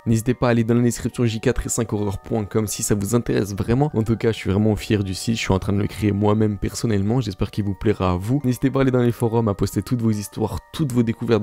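A man tells horror stories at a brisk clip, his voice deep-toned and very mellow. He keeps it chatty and slangy, treating his viewers like friends, with soft music faintly underneath. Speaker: horror storytelling YouTuber. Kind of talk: casual horror story narration.

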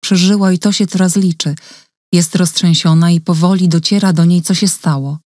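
A woman voicing a gentle, caring woman who speaks softly and calmly in an audiobook reading. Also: on the low side, normal speed, no room sound, studio quality, natural voice. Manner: soft, calm, reassuring.

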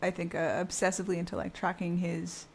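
A woman hosting a podcast in casual conversation, relaxed and thoughtful, hedging often with filler words. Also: fairly low pitch, fairly quick, vocal fry, breathy edge. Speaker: podcast host.

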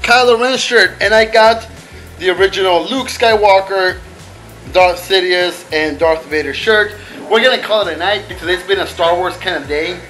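Man, family vlogger, casual talk to camera, friendly, addresses viewers, soft music underneath. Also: sits high, normal speed, low-quality recording.

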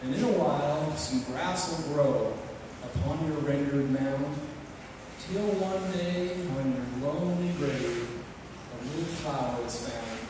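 A folksy cowboy storyteller played by a man recites poetry in a drawn-out cowboy drawl. The voice sits a little high and comes from far off in a very echoey hall. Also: background noise, lightly acted. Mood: folksy, wry. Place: large hall, filmed from audience. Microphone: handheld microphone through speakers.

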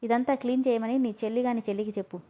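A woman's voice: on the high side, steady tone, rapid-fire, warm tone, close to an everyday voice. A woman voicing an irritable young man who talks in a curt, brusque way. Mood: irritated.

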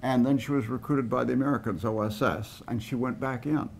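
An older man giving a museum interview in a deliberate, matter-of-fact way. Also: medium pitch, fairly even intonation, creaky, a little hiss or hum. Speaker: museum expert. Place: indoor museum.

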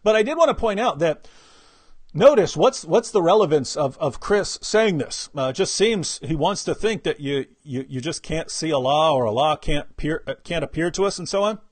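A man hosting a live online discussion, talking in an animated way, often laughing and mimicking his opponents. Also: a little high, moderate pace, dry recording. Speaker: host.

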